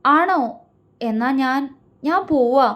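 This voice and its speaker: A timid young woman in love, her words breaking into stammers and halting starts, as a woman narrator puts her on. Her voice sits high in a storybook romance read aloud. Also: animated, fairly bright tone, full character voice. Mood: nervous.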